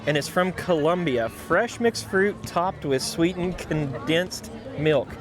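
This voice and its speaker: A man's voice: a little high, slow. An American man vlogging casually on location, with an enthusiastic, folksy way of talking. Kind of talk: casual on-location vlog chat. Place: theme park, shop and outdoor food areas. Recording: music behind, outdoor park sound.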